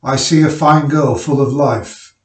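A man's voice: mid-range voice, steady tone, a little mellow, reverberant, distant mic, lightly acted. A man voicing a big, indolent miner husband who talks easily and unhurriedly. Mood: solemn. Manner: easy, slow-witted, unhurried.

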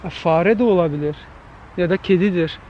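At night in an empty park, a nervous man holds a camera and talks straight to his viewers in a scare vlog. His voice sits high and moves fairly quickly, and the lo-fi recording carries a slight hiss or hum.

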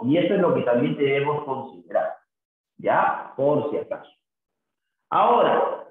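Teacher on a thin, echoey line. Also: male voice, fairly high pitch. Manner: checks in with tag questions, recites verses in a sing-song drawl. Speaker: literature teacher. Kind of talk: classroom lecture. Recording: very echoey, phone-like thin sound.

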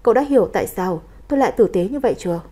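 A woman's voice: mid-range voice, animated, racing, dark tone, lightly acted. A woman doing a cold, firm male crime boss.

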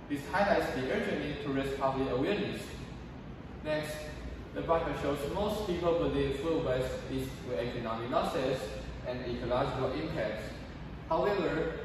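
A teenage boy from Taiwan, reading a scripted English presentation as a student presenter, carefully and in measured steps. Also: a little high. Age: teens. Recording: echoey hall from far off, noisy.

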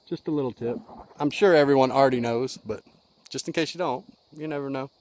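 A middle-aged man rambles easily about camp life, recorded on a handheld camera out in the woods. His voice sits at an ordinary pitch, and steady outdoor noise runs underneath. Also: fairly quick. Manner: folksy, rambling, drawling with many fillers. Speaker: outdoor survival vlogger. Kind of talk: casual outdoor vlog. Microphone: handheld camera at arm's length. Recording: outdoor camera mic, noisy.

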